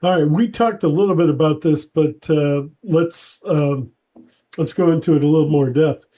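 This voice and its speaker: A man hosting a laid-back interview, his voice mellow and a little high. He rambles, trailing off and starting over between thoughts. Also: moderate pace. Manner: rambling, many fillers and restarts. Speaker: interview host. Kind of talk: casual interview chat.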